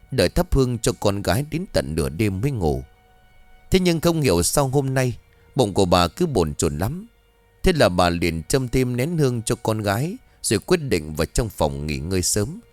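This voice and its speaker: A man with a fairly low voice narrates a ghost story in a measured storytelling way. His pitch is lively and varied. He sounds dry and close, with faint music underneath. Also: no echo. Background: faint background music.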